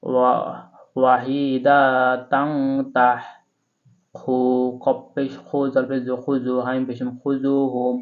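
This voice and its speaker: A man teaching Quran reading, spelling out letters and vowel marks one by one in a slow step-by-step lesson. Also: mid-range voice, monotone. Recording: tinny, phone-like sound.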